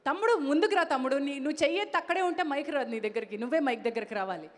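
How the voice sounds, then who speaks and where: A woman hosts a live event on a handheld mic, talking to the crowd in a playful, lively way. Her voice is high. The sound carries a long reverb from a large hall. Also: rapid-fire. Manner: lively, playful, mixes English phrases into her talk. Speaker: event anchor. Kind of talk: live stage hosting. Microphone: handheld stage mic.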